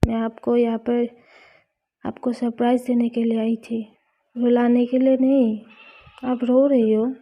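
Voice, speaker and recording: A woman's voice: on the high side, flat delivery, a little slow, pauses often. A woman voicing a playful, affectionate young college woman who teases and coaxes her girlfriend, read out in a storybook. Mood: coaxing. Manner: teasing, coaxing. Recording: slightly dull lo-fi recording.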